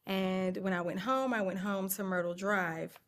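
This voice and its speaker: A woman, telling her life story on stage in short, reflective, halting phrases. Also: medium pitch, fairly even intonation, fairly bright tone. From Atlanta, Georgia, USA. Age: 40s. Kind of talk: personal storytelling monologue.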